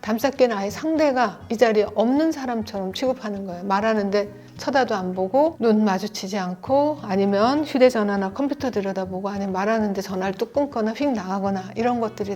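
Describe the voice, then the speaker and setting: A middle-aged woman giving a parenting lecture, explaining in a calm, steady way and acting out short parent and child lines. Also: medium pitch, a little fast, hardly any pauses. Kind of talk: educational lecture video.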